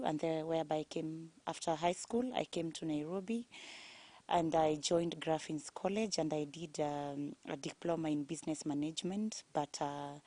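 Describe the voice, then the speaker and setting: A woman in her forties from Kenya, a guest telling her story in a testimony interview, explaining things in a steady, measured way. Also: low voice, no echo. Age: 40s. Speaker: guest, HIV activist and counselor.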